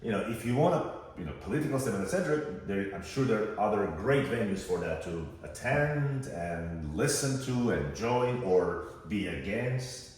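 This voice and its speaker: A man's voice: on the low side, lively intonation, moderate pace, few pauses, darkish tone. A man co-hosting a podcast, chatting casually and rambling reflectively with plenty of fillers. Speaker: podcast co-host. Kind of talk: casual chat. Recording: echoey room, far from the mic, faint noise.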